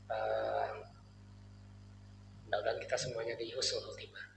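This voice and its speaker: A man's voice: on the low side, little pitch movement, normal speed, gravelly. A man preaching a sermon in a mosque, telling the story in a casual, joking way. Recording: echoey mosque hall with faint noise.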